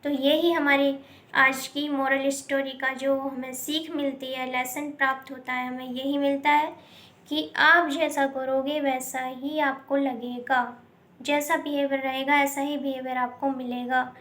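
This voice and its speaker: A woman's voice: sits high, flat delivery, unhurried, fairly bright tone. A woman narrating a moral story in a plain, repetitive, explaining way, mixing in English words.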